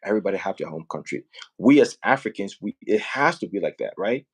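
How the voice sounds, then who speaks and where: A man's voice: on the low side, animated, quick pace, slightly rough. A man from Liberia, hosting a casual live stream and talking earnestly and persuasively, often checking in with "right?". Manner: earnest, persuasive, often asks "right?" and "you know what I mean?". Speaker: host promoting home building back home.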